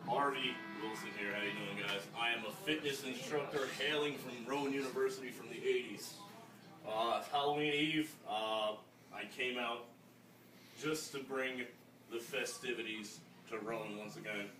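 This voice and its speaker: A man's voice: medium pitch, moderate pace, music in the background, natural voice. Young guy doing a brash crude 80s fitness coach, rambly comedy bit, roomy phone audio, bit far away. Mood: cocky, boastful. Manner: swaggering, profane, rambling. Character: brash, crude, cocky 1980s male fitness instructor. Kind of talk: improvised mock-interview comedy sketch. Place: small indoor room. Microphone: phone camera a few feet away. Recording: echoey room, off-mic phone video.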